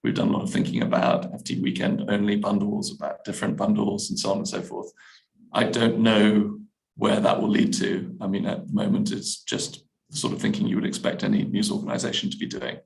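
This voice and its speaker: Male editor, low gravelly tone, hesitant Q&A answers. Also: little pitch movement, brisk, rough recording. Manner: hesitant, many restarts and fillers. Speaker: app editor answering questions. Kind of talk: webinar Q&A.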